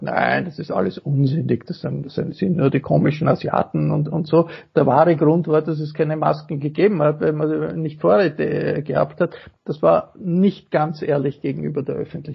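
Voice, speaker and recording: A man speaking as a guest in a political interview, halting, with many fillers and restarts. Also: on the high side, steady tone, gravelly, breathy edge. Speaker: guest journalist. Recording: dull lo-fi audio.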